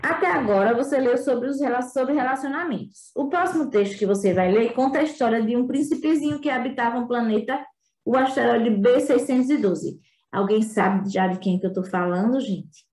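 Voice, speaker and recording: Chatty high-voiced woman teacher. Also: brisk, darkish tone. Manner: chatty, frequent tag questions. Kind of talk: remote class lesson. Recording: echoey room.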